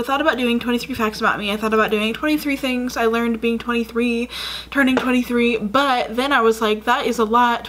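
A YouTuber in her twenties rambles through childhood stories in a chatty storytelling vlog, using lots of fillers as she faces the camera in a dim indoor room. Her voice is a little high and fairly bright, with a slight hiss or hum in the recording.

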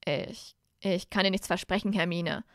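A worried young wizard, voiced by a woman reading aloud, hesitant and a little lower than her own voice. The sound is dry and close, like a home audiobook. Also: steady tone, normal speed, no echo, natural voice. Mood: stammering. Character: worried young male wizard, best friend.

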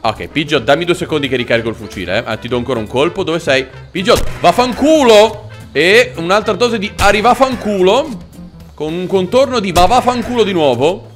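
A man hosting a let's play, giving excitable gameplay commentary, swearing a lot and chatting with the creatures on screen. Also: brisk, soft background music. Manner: jumps into squeaky cooing over cute creatures. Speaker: gaming channel host.

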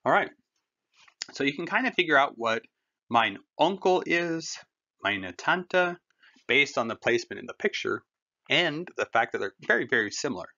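In a classroom German lesson, a man with a mid-range voice teaches patiently and conversationally, explaining through everyday comparisons. He sounds very animated, pushed and bright, at a moderate pace. The recording is dull and lo-fi.

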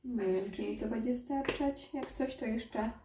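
A woman's voice: fairly high pitch, unhurried, heavy background noise. A mother vlogging at home, chatting casually as she bakes and thinking aloud, often restarting her sentences. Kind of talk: casual home vlog with baking steps. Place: home kitchen. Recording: echoey kitchen with clattering dishes.

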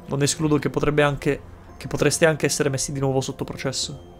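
A man reading aloud a manipulative male villain's game dialogue in a hushed, insinuating voice, with faint game music behind. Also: mid-range voice, little pitch movement, brisk, close to an everyday voice. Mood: scheming. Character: scheming manipulative male villain, smooth-talking.

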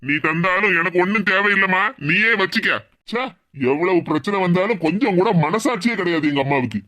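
A man's voice: sits high, fairly quick, pushed and bright. A man voicing a young married husband in a cartoon who heatedly defends his wife, speaking with a Kanyakumari accent. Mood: bitter. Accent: Kanyakumari Tamil. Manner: heated, protective.

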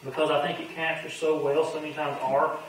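A man teaching a Bible class as pastor, talking quickly and casually and often doubling back on his words. His voice sits a little high and sounds distant from the microphone. A strong echo fills the big room around him. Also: flat delivery, slight background noise. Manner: fast-talking, conversational, repeats his starts. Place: church sanctuary. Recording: very echoey room, voice from far off.

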